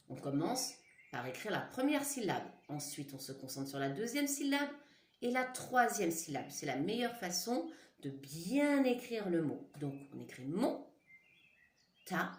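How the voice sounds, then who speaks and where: A woman teaching young children, slowly dictating syllables and words in a classroom lesson. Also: fairly low pitch, very animated, echoey room. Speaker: primary school teacher. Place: classroom with a board. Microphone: camera mic.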